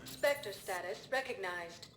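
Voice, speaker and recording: A calm female computer voice makes formal announcements in a video game. Her delivery stays even and measured, and it echoes in the room. Game music plays clearly behind her. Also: mid-range voice.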